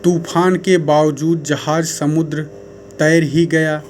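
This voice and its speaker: A man's voice: fairly high pitch, little pitch movement, slow pace, slight background noise. Methodical man teaching grammar. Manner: methodical, corrects sentences one by one. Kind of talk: grammar lesson.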